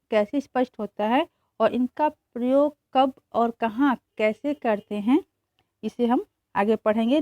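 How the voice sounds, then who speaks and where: A woman teacher explaining a grammar lesson slowly, repeating examples and answering her own questions. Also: on the high side, dry recording. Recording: dull, muffled dry recording.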